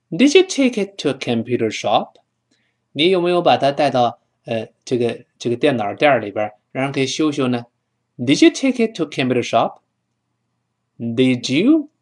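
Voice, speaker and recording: A man whose first language is Mandarin, teaching English pronunciation, drawing out sounds slowly and repeating them for students to copy. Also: medium pitch. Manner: slow drawn-out demonstrations of English sounds; fillers and restarts when explaining.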